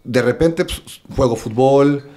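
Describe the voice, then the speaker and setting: A man with a Mexican accent, a comedian chatting casually, animated and profane. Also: mid-range voice, measured pace. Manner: animated, profane, acts out quotes. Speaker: guest comedian. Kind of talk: casual chat.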